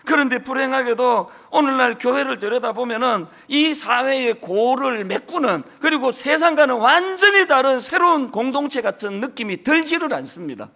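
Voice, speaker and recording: Preaching his Sunday sermon, a middle-aged senior pastor with a heavy Gyeongsang Korean accent, a native of that South Korean region, talks at a normal speed with hardly any pauses. His pitch is extremely high and his manner animated and emphatic, climbing to forceful peaks, with folksy remarks woven in.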